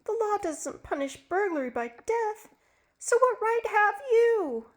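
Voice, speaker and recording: Storybook wife: woman reading a high, gasping, pleading voice. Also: sing-song, takes it slowly, a little hiss or hum, exaggerated voice. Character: frightened pleading middle-aged wife.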